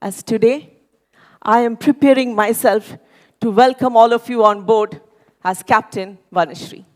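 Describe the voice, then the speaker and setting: A woman with a notably high voice delivers a motivational contest speech. She speaks slowly, in a theatrical way that sounds memorized, leaving deliberate pauses between phrases. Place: school hall speech contest stage.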